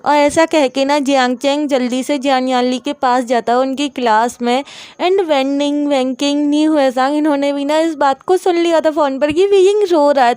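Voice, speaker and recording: A woman's voice: high voice, darkish tone, dry recording. A woman retelling a romance story in a chatty, casual way, sprinkling in filler words and English terms. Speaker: fan fiction storyteller.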